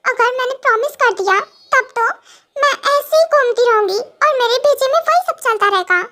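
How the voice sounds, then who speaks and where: A woman's voice: very high voice, lively intonation, moderate pace, sharp tone, full character voice. A woman doing a giggly, naive young wife. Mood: giggly, whiny. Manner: giggling, whiny, childlike. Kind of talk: fan audio drama.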